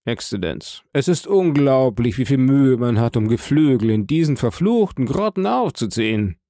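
A man voicing a cool, indifferent bandit jailer in an audiobook, calm and mockingly polite. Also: medium pitch, normal speed, no room sound, studio quality. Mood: deadpan. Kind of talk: audiobook character voice.

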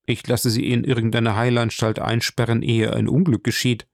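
A man's voice: mid-range voice, little pitch movement, moderate pace, creaky, no echo, clean studio sound. A man voicing a commanding, mocking nobleman who orders his servant about. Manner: imperious, ironic.

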